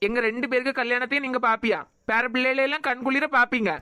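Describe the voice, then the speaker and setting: A woman with a Kanyakumari Tamil accent voicing a teasing, devoted young male doctor in a cartoon, scolding in quick banter. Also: high voice, steady tone, sharp tone, smooth, no echo, studio quality. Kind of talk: cartoon voice acting.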